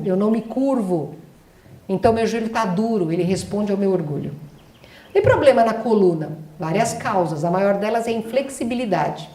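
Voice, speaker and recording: Echo from a hall surrounds a middle-aged woman speaking in a dark-toned voice that leans high. As a doctor giving a spiritual lecture, she is emphatic and asks rhetorical questions of those listening.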